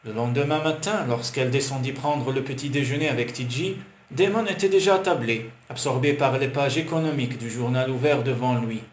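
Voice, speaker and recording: A man narrating a romance audiobook in an even, measured storytelling manner. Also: medium pitch. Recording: roomy with faint hiss.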